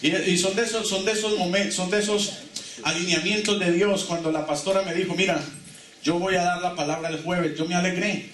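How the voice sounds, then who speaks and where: A male pastor preaches a sermon with fervor in a church hall, leading his congregation in call-and-response declarations. His voice sits high, steady and fairly bright, and he talks fairly quickly. The distant mic makes the church sound echoey and picks up a little hiss or hum.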